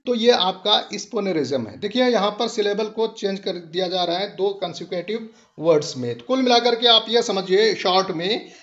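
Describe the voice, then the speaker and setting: A man's voice: high-pitched, moderate pace, a bit bright, dull audio. A man teaching a lecture-style lesson, explaining step by step and mixing English terms into his speech.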